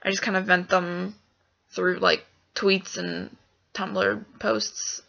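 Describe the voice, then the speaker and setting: A woman's voice: mid-range voice, little pitch movement, slow pace, vocal fry, a bit bright. A young woman venting frankly in a vlog, swearing often and full of fillers. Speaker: vlogger. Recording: dull lo-fi webcam audio.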